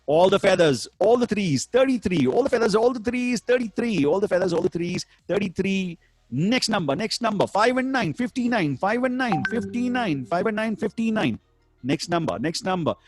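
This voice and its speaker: A man's voice: sits high, sing-song, moderate pace, faint music behind. A man with an Indian accent working as a bingo caller, calling numbers with rhymes in a showy, repetitive sing-song patter. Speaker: bingo caller hosting an online game.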